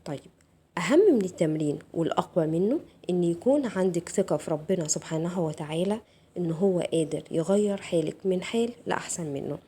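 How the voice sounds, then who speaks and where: Fast-talking Egyptian woman, warm and husky. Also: lowish voice, expressive. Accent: Egyptian Arabic. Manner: soft, intimate, addresses viewer directly. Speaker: channel host. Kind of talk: motivational self-help talk.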